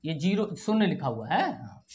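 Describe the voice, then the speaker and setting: Here the teacher has a deep, darkish voice with big pitch swings and a moderate pace. Teaching children primary school maths, she repeats each number patiently digit by digit and keeps asking "theek hai" to check they follow.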